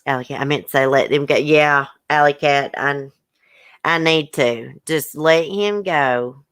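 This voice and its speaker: This YouTube channel host has a low-pitched but fairly bright voice, captured cleanly in a dry studio setting. Hurt and upset on her livestream, she reads out viewer comments and unloads in blunt, casual language, swearing freely and emotionally.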